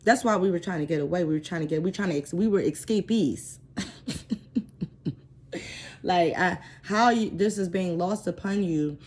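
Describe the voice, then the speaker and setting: A woman's voice: on the low side, normal speed, pauses often, a little mellow. A woman in her thirties hosting a personal vlog, talking bluntly and with frustration about her family. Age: 30s. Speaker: vlogger.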